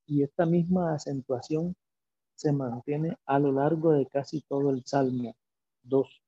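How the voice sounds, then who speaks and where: A man teaching a lecture, speaking slowly and deliberately and asking himself rhetorical questions as he explains. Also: on the high side, steady tone, warm tone, breathy edge, no room sound. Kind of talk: lecture on biblical poetry. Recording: dull lo-fi recording.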